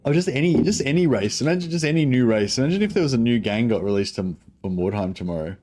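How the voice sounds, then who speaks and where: A man's voice: medium pitch, expressive, fast talker, dark tone. A man with a broad New Zealand accent giving casual gameplay commentary in a laid-back, sweary, rambling way. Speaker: gaming streamer.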